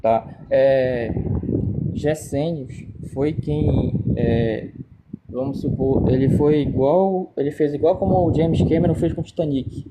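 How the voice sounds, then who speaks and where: A hesitant man in a casual chat gropes for his words, filling gaps and starting over. His voice is slightly high for a man. Loud noise sits over the whole recording. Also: takes it slowly. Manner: hesitant, fills with "é" and restarts. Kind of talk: casual discussion.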